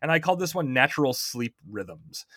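A man's voice: mid-range voice, big pitch swings, moderate pace, pushed and bright, no room sound, clean studio sound. A man hosting a podcast, casually explaining science step by step and often checking in with his co-host.

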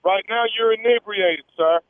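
A man on a radio prank call over the phone, posing as a police officer and speaking calmly with many hesitations. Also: sits high, moderate pace, no echo. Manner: calm, hesitant officer talk with many uhs. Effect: heard over the phone. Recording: tinny phone line.

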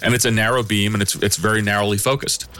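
A man's voice: lowish voice, fairly even intonation, fast, pushed and bright, no room sound. A man explaining conversationally as an expert in an interview. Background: music.

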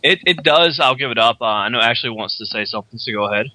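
A man with a very bright, sharp voice co-hosts in casual live commentary. His pitch moves in a lively way. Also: quick pace, dry recording. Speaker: guest co-host.

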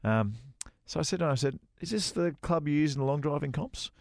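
A middle-aged man, a former touring golf pro, co-hosting a podcast and telling an animated anecdote in casual chat. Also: a little fast, vocal fry, dry recording, clean studio sound. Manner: animated anecdote teller, rises high acting out quoted dialogue.

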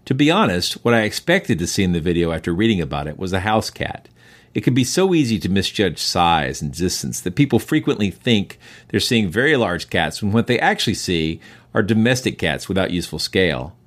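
American man, low pitch, lively intonation, curious science host, measured scripted narration. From US East Coast.

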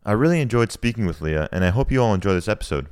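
A man's voice: lowish voice, animated, racing, darkish tone, clean tone, no room sound, studio quality. A man hosting a podcast, introducing the show and interviewing a guest in an upbeat, conversational way. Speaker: podcast host.

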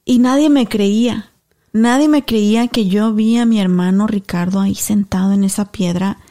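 Here a podcast co-host, a woman in her thirties, narrates a story casually at a moderate pace and medium pitch. She brings it to life by performing the dialogue of each character.

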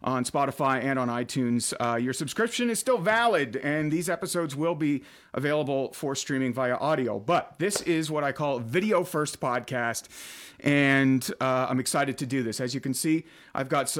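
A man's voice: mid-range voice, normal speed. A man, hosting a casual podcast from his basement studio and rambling with lots of fillers. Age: late 30s. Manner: chatty, rambling with many fillers. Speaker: podcast host and radio host.

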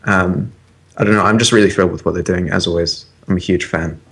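A man with a fairly low voice chats on a tech podcast. He is opinionated and animated, and he talks with lots of ums and restarts. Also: fast, slightly rough. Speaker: podcast co-host. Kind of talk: casual tech chat.

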